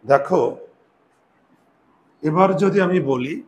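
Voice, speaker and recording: Patient man teaching, slightly high voice. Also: low-quality recording. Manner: slow, patient, repeats words and asks students questions. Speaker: Bengali grammar teacher. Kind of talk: classroom grammar lesson.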